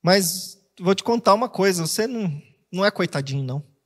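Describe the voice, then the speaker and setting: A Brazilian man preaching a sermon as pastor, animated, acting out quoted voices with jokes along the way. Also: high voice, fairly quick. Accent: Brazilian Portuguese. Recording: long hall reverb.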